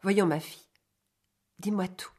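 A man reading an audiobook, voicing a gentle, patient young mistress of the house who speaks softly and coaxingly. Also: high-pitched, fairly even intonation, a little slow, slightly rough, voice pushed up. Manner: soft, coaxing, conciliatory. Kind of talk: audiobook character voice.

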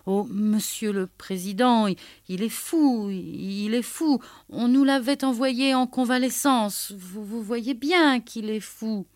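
Enraged stammering official man, as a woman plays him, shrill cries, high and loud, storybook reading. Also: slow, no echo, studio quality. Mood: panicked. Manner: stammering, then shrieking with rage. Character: panicked, furious male tax collector, middle-aged.

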